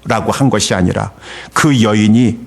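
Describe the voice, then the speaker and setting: A man's voice: lowish voice, moderate pace, creaky. A male pastor delivering a sermon dramatically, questioning the congregation and dropping to a whisper for emphasis.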